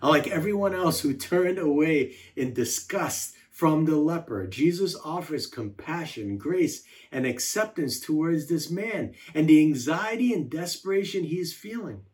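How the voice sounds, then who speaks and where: A man giving a devotional teaching in a measured, reflective way, slowing down to list words one by one. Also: fairly high pitch, expressive, darkish tone. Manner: measured, reflective delivery with slow listed words.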